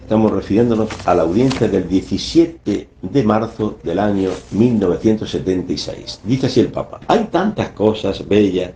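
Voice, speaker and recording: A man's voice: on the low side, moderate pace, hardly any pauses, mellow, a little hiss or hum. Older man preaching on the radio. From Spain. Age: 70s. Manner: earnest, emphatic, acts out scripture quotes. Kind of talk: radio sermon. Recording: echoey, dull lo-fi radio broadcast.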